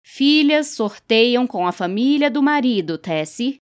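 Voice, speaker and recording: A woman reading aloud and voicing a calm male village official who explains things gently. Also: on the high side, unhurried, pitched above the performer's own voice. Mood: measured. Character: calm middle-aged male official running a village draw.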